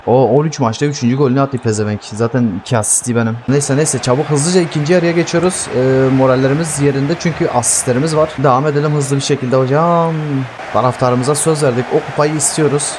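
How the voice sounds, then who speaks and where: A man commentating his own football video game match, excitable and swearing at teammates. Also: mid-range voice, fast, few pauses, background noise. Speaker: gaming YouTuber playing football career mode. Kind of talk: live gameplay commentary.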